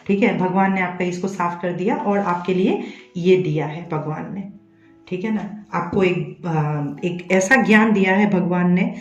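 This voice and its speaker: In an echoey room, a tarot reader and psychic medium talks straight to her viewers in a medium-pitched, slightly mellow voice. She coaxes them gently through the reading, returning again and again to a tag question to check they're following.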